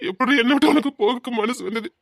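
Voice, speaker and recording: A man plays a husband in a drama, forceful and choked with tears as he pleads and vows revenge. His mid-range voice is recorded close and dry, with no room sound. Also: very high-pitched, racing, no echo. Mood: pleading. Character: grieving, furious husband, loyal and vengeful.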